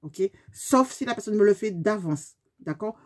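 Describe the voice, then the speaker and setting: A woman, telling a story to her viewers in a lively, emphatic way. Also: mid-range voice, normal speed. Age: 50s. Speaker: beauty vlogger. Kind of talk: storytime vlog.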